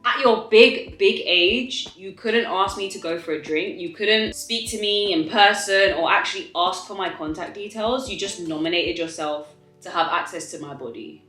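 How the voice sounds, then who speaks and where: A young woman telling a story to viewers in a casual, animated, emphatic way, with exasperated rhetorical questions and drawn-out words. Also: medium pitch, echoey room, faint music behind. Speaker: storytime vlogger eating on camera.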